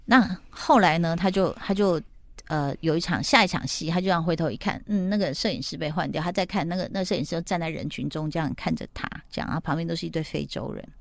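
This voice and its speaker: A woman's voice: on the low side, quick pace, creaky, no room sound. A middle-aged woman host in casual chat, animatedly retelling a TV plot and acting out the quotes.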